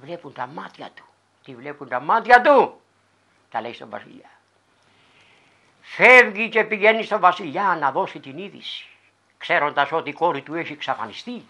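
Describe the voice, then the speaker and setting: Μια γυναίκα από τη Ρόδο με ροδίτικη προφορά αφηγείται παραδοσιακό παραμύθι με ομοιοκαταληξίες και δραματικές εναλλαγές έντασης. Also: female voice, low voice, animated, long pauses, pushed and bright. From Laerma, Rhodes. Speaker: folk storyteller. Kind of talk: traditional folk tale telling.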